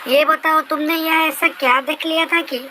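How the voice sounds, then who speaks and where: Stern scolding dad, a woman doing him in a spooky story, high bright voice. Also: fairly even intonation, moderate pace, a little hiss or hum, poor audio. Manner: scolding, commanding. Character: stern worried middle-aged father.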